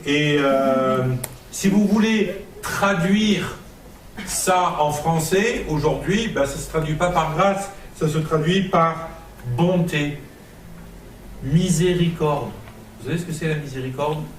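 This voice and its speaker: A man's voice: on the high side, slow pace, reverberant, far from the mic, a little hiss or hum, rough recording. A man preaching a sermon with a Marseille accent, emphatic and rhetorical, repeating phrases and building to fervent peaks. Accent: Marseille French.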